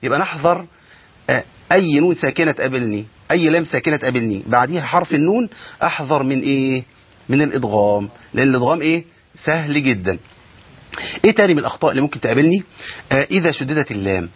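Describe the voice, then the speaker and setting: A man with an Egyptian accent teaches the rules of Quran recitation at a quick clip. His voice is somewhat husky, and he keeps asking his students questions and then answering them himself. The recording sounds a little dull and lo-fi. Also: mid-range voice, lively intonation. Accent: Egyptian Arabic. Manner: explanatory, poses and answers his own questions. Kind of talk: tajweed lesson.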